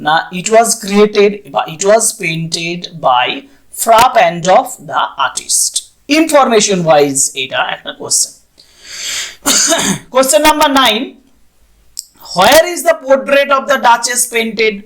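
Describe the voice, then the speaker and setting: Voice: mid-range voice, animated, very slow, fairly bright tone. A teacher with a Bengali accent explaining exam questions, repeating each point in two languages and spelling out words. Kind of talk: exam-prep lesson in Bengali and English.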